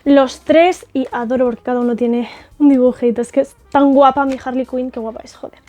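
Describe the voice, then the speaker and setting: A young woman with a Spanish accent from Spain, a makeup artist reviewing cosmetics, tries products on camera in a casual beauty vlog. She chats effusively with many fillers and tag questions, in a high-pitched, steady, mellow voice at a brisk pace, with faint music behind her.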